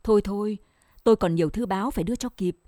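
A woman's voice: mid-range voice, mellow, dry recording, clean studio sound, natural voice. A woman voicing a cheerful, busy elderly male postman in a read-aloud story. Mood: brisk. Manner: brisk and friendly.

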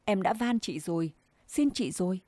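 A woman's voice: mid-range voice, expressive, normal speed, warm tone, no echo, studio quality, lightly acted. A woman voicing a young unmarried village woman who pleads humbly and tearfully. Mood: humble.

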